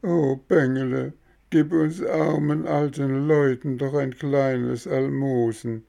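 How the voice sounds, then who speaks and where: A man's voice: mid-range voice, fairly even intonation, slow pace, vocal fry, warm tone, voice pushed up. A man doing a wailing old beggar fox. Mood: whining plea. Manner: wailing, pleading. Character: whining, scheming old male beggar fox.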